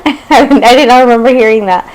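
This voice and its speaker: A young woman co-hosting a podcast, reading a story aloud and chatting casually with a relaxed, chatty manner. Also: a little high, rapid-fire, a little hiss or hum, low-quality recording. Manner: relaxed, chatty, laughs often. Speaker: podcast co-host.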